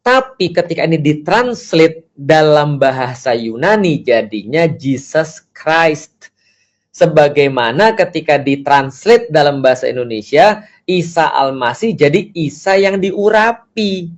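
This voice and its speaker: A man giving a casual religious lecture as a preacher, lively and acting out the voices he quotes. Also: fairly high pitch, measured pace, muffled recording. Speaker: Islamic preacher.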